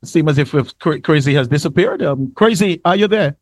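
A man hosting a talk program, introducing segments and inviting his guests to speak in a relaxed, chatty manner. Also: on the high side, brisk, no echo. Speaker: host. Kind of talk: casual talk show hosting.

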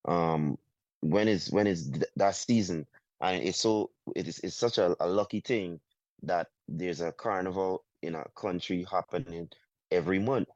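A man from Guyana with a Guyanese accent, a soca artist talking in a casual interview, halting and full of restarts. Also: deep voice, a little mellow, dry recording. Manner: halting, many restarts, drawn-out phrases. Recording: dull, muffled sound.

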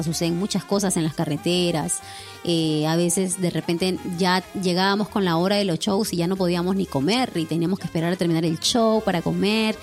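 Chatty Peruvian woman singer, low voice. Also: darkish tone. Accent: Peruvian Spanish, Lima. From Peru, born in Lima. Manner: chatty, laughs often, tag questions. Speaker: singer, interview guest. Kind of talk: casual interview chat.

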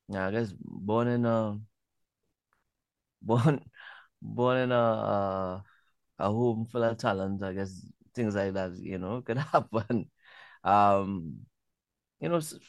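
A man with a low, gravelly voice answers interview questions about music in an easygoing, loose way. He often circles back and repeats his words while he works out what to say. The sound is dry and close. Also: slow, pauses often, dry recording. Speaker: music artist guest. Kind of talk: casual interview talk.

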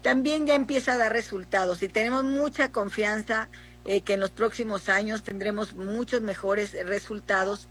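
A middle-aged Mexican woman senator answering in a political interview, speaking haltingly with many fillers and restarts. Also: medium pitch, fairly even intonation, fairly bright tone, slightly rough. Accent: Mexican Spanish.

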